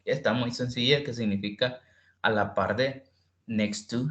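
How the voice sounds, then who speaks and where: A man teaching an online English class, repeating words slowly and quizzing his students. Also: medium pitch, steady tone, fairly bright tone, roomy sound. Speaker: English tutor.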